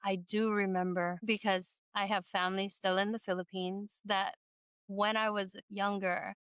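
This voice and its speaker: Chatty woman, smooth dry voice. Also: mid-range voice, flat delivery, a little slow, a bit bright, no room sound. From Hawaii. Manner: chatty, laughs often, rambling restarts. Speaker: podcast host. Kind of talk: casual conversational interview.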